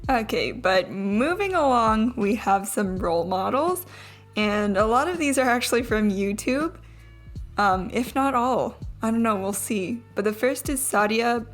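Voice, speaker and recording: A woman's voice: a little high, expressive, unhurried. Young woman who struggles with her R's. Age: young adult. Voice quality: trouble pronouncing R sounds. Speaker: vlogger. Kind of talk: casual voice-over narration. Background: background music.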